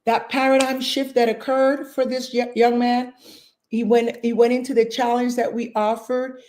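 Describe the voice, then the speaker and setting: A woman in her sixties talks as a guest about coaching people toward better health. She speaks emphatically and repeats key phrases for effect. Her voice sits somewhat high for a woman. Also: level tone, moderate pace, a little mellow, slight background noise. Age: 60s. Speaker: fitness and nutrition coach. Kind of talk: interview guest.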